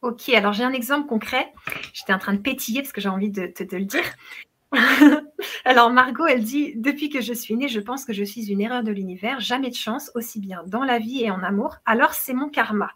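Husky woman host reading comments. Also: fairly high pitch, brisk, fairly bright tone. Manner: short affirmations, reads messages aloud. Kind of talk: live talk hosting.

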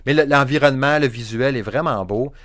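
A young man with a Saguenay Quebec French accent talks through games in a loose, rambling way, piling up restarts and fillers. His voice sits at a middle pitch. The sound is dry and close, with no room around it. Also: brisk, a bit bright, no room sound. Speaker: podcast co-host, game reviewer. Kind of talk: casual chat.

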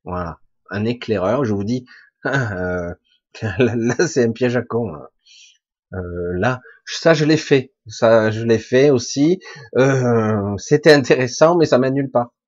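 A man with a hoarse, husky, chesty voice recovering from a cough, giving a rambling, blunt, informal monologue to his followers, with casual swearing. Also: medium pitch, no room sound, dull audio. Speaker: spiritual vlogger speaking to followers.

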